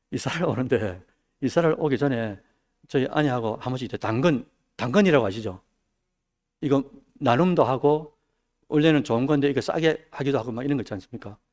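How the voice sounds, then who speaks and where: A man preaching a midweek sermon, dropping his voice low and then rising loud. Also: brisk. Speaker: pastor. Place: church sanctuary.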